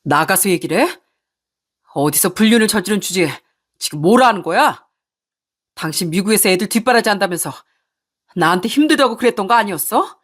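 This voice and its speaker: A woman's voice: mid-range voice, animated, moderate pace, long pauses, husky. A woman voicing a betrayed husband who angrily accuses his wife. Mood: angry, accusing. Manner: angry, accusing.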